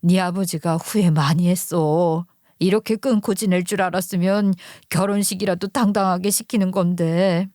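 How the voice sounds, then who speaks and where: A woman voicing a tearful, remorseful older mother who speaks slowly in a story reading. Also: fairly low pitch, steady tone, dark tone, dry recording, clean studio sound, lightly acted. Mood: emotional.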